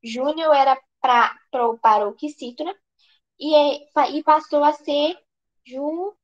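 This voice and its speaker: A Brazilian woman with a high voice teaches grammar for an exam. She asks questions and answers them herself, often restarting her sentences. The recording sounds dull and lo-fi. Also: slow pace. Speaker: exam prep tutor. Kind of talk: online grammar lesson.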